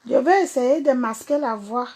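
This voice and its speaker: A woman's voice: sits high, normal speed, darkish tone. A woman singer with a Cameroonian French accent, talking bluntly and confrontationally to viewers in a livestream rant. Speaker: singer and performer.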